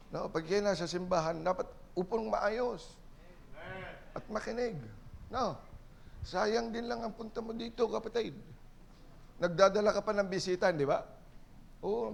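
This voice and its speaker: A man's voice: high-pitched, creaky, a little hiss or hum. A man pastor preaching a sermon in church, mixing earnest preaching with playful asides to the congregation.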